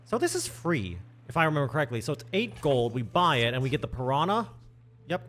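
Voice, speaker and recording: Man muttering through a game, lively pitch. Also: a little fast, slight background noise. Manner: thinking aloud, muttering asides. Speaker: streamer. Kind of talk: casual gameplay commentary. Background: faint game music.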